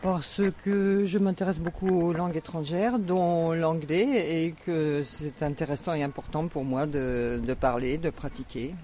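A woman from Normandy, a workshop participant answering interview questions in a measured, slightly hesitant way. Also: sits low, steady tone, mellow, a little hiss or hum. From Normandy, France.

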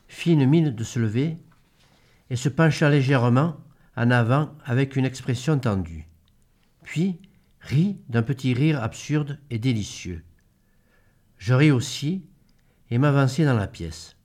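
Casting: man reading a literary audiobook, measured, plain mid-range voice. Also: medium pitch, expressive, darkish tone. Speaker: audiobook reader. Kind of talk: read-aloud literary narration.

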